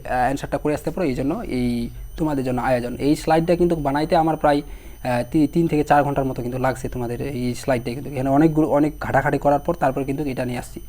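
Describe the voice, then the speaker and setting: Hoarse but mellow, this young man's fairly high voice carries an online exam-prep lesson. He says each word slowly, spells it out, and puts questions to his students along the way.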